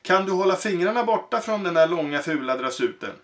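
A man reading aloud and voicing a gruff, angry male smith who scolds in shouts. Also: sits high, animated, pitched above the performer's own voice. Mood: scolding.

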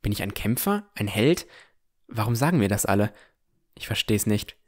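An actor with a lowish, expressive, natural voice plays a young armored swordsman who is puzzled but determined. He narrates his fantasy audio drama in a measured, introspective way, with music in the background.

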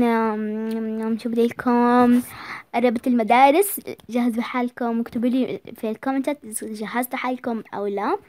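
A woman's voice: fairly high pitch, darkish tone, dry recording. Chatty woman host. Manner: chatty, rambling, affectionate. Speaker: YouTube story channel host. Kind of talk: casual sign-off to viewers.

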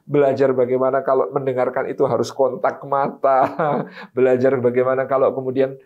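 A man giving a relaxed, humorous religious talk about marriage, chatting with his listeners and acting out bits of dialogue. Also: medium pitch, fairly quick, highs cut off. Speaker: Islamic preacher. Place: study gathering.

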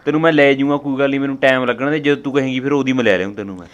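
A man's voice: mid-range voice, steady tone, racing, close to an everyday voice. A man acting a student grandson who keeps reassuring his grandmother that he will take her once his exams end. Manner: placating, reassuring. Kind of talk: family comedy skit acting.

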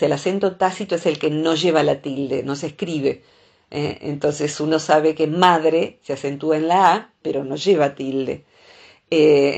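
A woman with a Rioplatense Spanish accent, a psychologist explaining relationships in a thoughtful way, pausing often to gather her thoughts. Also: lowish voice, a little mellow. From Argentina. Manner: thoughtful, explaining with frequent hesitations.

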